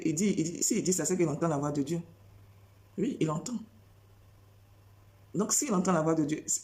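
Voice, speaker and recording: Insistent woman preacher, low mellow voice. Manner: insistent, repeats phrases and fires rhetorical questions. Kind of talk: sermon.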